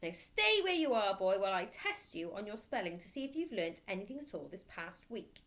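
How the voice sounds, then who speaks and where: A woman's voice: mid-range voice, sing-song, fairly quick, a bit bright. Woman acting a ferocious, barking bully of a headmistress. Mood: scornful, commanding. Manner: barking, bellowing, commanding, insulting. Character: giant, bullying, furious headmistress, ferocious and contemptuous.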